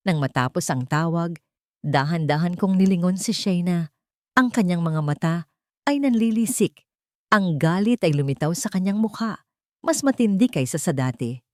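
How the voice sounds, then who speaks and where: A woman narrates a scripted dramatic story as an audiobook reader, her voice on the low side with lively intonation at normal speed. Her tone is a little mellow, and the recording is dry with clean studio sound.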